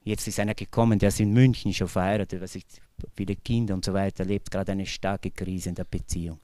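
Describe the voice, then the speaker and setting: A man with an Austrian accent giving an earnest personal testimony, his voice swinging between loud emphasis and hushed low tones. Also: little pitch movement, fast, no room sound, clean studio sound. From Bucklige Welt, Lower Austria. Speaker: speaker from a faith-based recovery community. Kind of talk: personal testimony talk to an audience.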